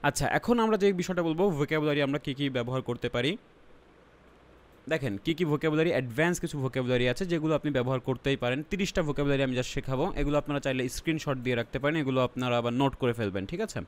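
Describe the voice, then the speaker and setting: A man's voice: medium pitch, fast talker. A man with a Bangladeshi accent teaching an online exam-prep lesson, explaining step by step, mixing English terms into his talk and often checking that students follow. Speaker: IELTS teacher.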